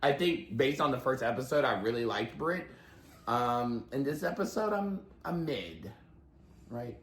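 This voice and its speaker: A man co-hosting a reality TV recap podcast, recapping scenes in an even, agreeable way. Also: mid-range voice, measured pace, echoey room. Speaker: podcast co-host. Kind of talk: casual gossip chat.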